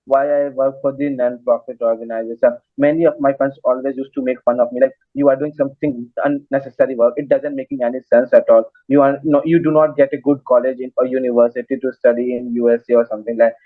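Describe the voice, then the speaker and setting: A man hosting an interview, talking in an earnest, halting way with restarts. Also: medium pitch, dry recording. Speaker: interviewer, host. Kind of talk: casual interview talk. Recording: dry phone-like line.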